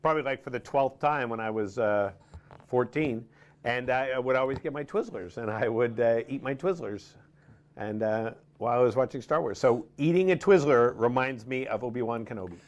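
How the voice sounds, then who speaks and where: A man in his fifties talks as a show co-host. His voice is of medium pitch, and his delivery is casual, loose and rambling. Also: moderate pace, muffled recording.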